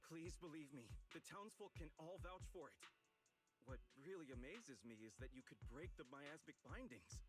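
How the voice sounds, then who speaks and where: A man's voice: fairly high pitch, big pitch swings, normal speed, over music. A man playing an eager, pleading man.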